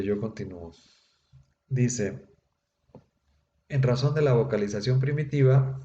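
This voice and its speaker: A man with a lowish, mellow voice lectures patiently, filling pauses with soft hesitations. The sound is dull and lo-fi, bouncing around a roomy space with a faint hiss underneath. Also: gravelly. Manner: patient, explanatory, frequent "eh" and "este" fillers. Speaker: Bible institute Hebrew teacher. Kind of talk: classroom grammar lecture.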